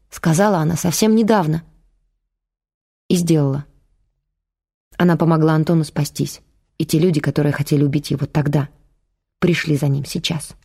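A woman narrating an audiobook in a measured, dramatic storytelling manner. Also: on the low side, mellow.

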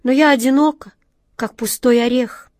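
Woman doing a shrill little squirrel. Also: steady tone, normal speed, darkish tone, no echo, lightly acted. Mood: sad. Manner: shrill, pleading cries. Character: small desperate female squirrel, lonely and pleading. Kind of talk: storybook reading. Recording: dry close recording.

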